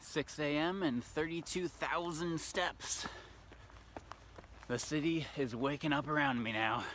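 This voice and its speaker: Upbeat young man, bright voice, self-filmed walking vlog, cold lips slurring his words, faint street noise. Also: mid-range voice. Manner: upbeat, chatty, laughs at himself. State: cold face, slightly slurred speech. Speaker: vlogger. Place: outdoors on city streets. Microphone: phone on a selfie stick.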